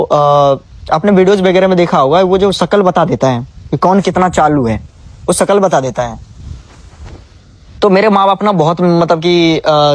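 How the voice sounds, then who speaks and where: A man's voice: a little high, no echo. A young man, venting in an emotional vlog, pleading and scolding by turns. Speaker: vlogger. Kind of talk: emotional direct-to-camera vlog.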